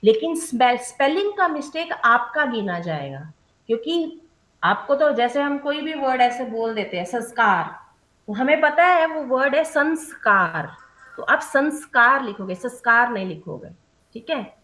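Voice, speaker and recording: Brief: young woman trainer, slightly high voice, patient step-by-step explainer who keeps checking in, drops English terms into her speech. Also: animated, a little slow, fairly bright tone. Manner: mixes English terms into Hindi. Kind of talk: online training session.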